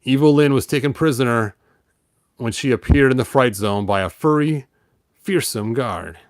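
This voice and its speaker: Speaking at a moderate pace in a mid-range voice with no room sound, a man who hosts a toy and storybook show reads a children's story. His delivery is playful and rambling, full of casual interruptions where he adds sound effects and wry comments.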